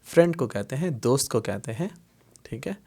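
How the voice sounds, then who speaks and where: A man teaching Arabic words, explaining patiently in a slow lesson style and repeating each word. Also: medium pitch, lively intonation, mellow. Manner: repeats words slowly, many fillers and "theek hai".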